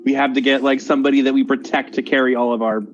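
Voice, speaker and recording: A man's voice: mid-range voice, little pitch movement, rapid-fire, dull audio, faint music behind. A man playing a tabletop game, rambling casually with lots of filler words. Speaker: player.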